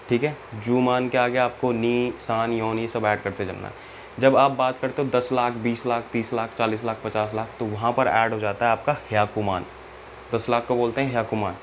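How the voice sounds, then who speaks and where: Guy teaching a language class, patient and step by step, slight hiss behind. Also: mid-range voice. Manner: patient, repeats steps and checks understanding; mixes in English terms, spells out each example. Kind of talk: explaining a language lesson.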